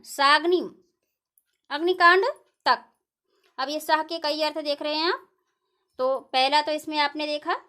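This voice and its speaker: Woman teacher, high and bright, patient lesson voice, repeats examples. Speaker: Sanskrit grammar teacher. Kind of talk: classroom-style lesson explaining grammar.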